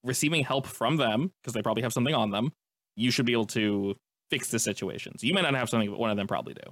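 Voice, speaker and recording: Narrating scenes quickly, a game master runs a tabletop roleplaying session in a conversational, descriptive style, explaining things along the way. His voice is medium in pitch and fairly bright. The recording is dry and close, with no echo and little sense of the room.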